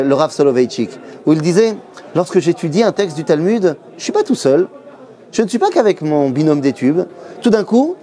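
In a busy yeshiva study hall, a middle-aged man with a slightly high, darkish voice explains Torah in a lesson to camera. He teaches like a storyteller, briefly acting out the voices of the people he quotes.

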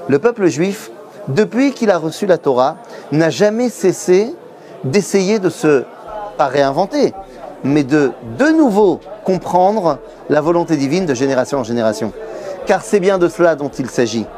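A middle-aged man with a slightly high voice explains Torah in a busy yeshiva study hall. He teaches like a storyteller and briefly acts out the voices of the people he quotes. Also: very animated, normal speed, a little mellow, some chatter behind. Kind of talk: explanatory lesson to camera.

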